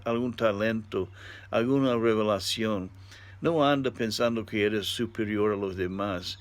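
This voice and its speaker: A man preaching a devotional sermon as a pastor, speaking haltingly and sometimes searching for words. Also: mid-range voice.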